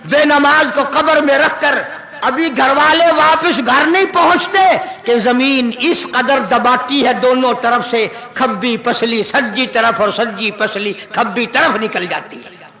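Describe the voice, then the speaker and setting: High-voiced preacher man, fiery and echoey. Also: pushed and bright. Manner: fiery, rhetorical, drawn-out Quranic recitation. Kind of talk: impassioned Urdu sermon. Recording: echoey hall.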